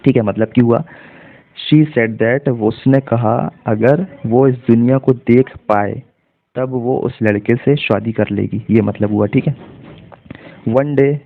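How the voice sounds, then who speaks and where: A man's voice: mid-range voice, steady tone. A man teaching English reading in Hindi, spelling each word letter by letter and then explaining its meaning. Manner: spells words letter by letter, then translates slowly. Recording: tinny phone-like audio.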